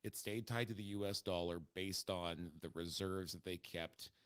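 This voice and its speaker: A man on a casual bar-talk podcast, explaining things patiently in a lowish voice. He trips over repeated words as he starts sentences. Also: fairly even intonation, normal speed, a bit bright, clean tone. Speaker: podcast co-host.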